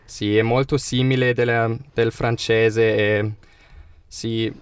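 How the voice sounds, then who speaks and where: A man in his early twenties from Germany with a German accent, answering casual interview questions haltingly as he searches for words. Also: mid-range voice, flat delivery, smooth, no room sound. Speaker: interviewed student and language learner.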